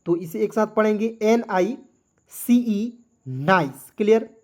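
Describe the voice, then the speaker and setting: Speaking slowly in an animated, high-pitched voice with a darkish tone, a man teaches English to beginners. He spells each word out letter by letter and keeps asking "clear?" and "okay ji" to make sure listeners follow.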